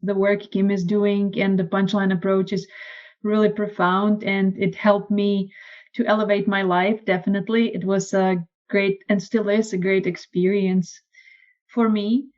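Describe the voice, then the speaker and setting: A woman with a Czech accent, a podcast guest telling her story in casual conversation, lively and acting out quoted lines. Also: unhurried, lo-fi sound. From Czech Republic. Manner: animated, acts out quoted lines in a higher voice.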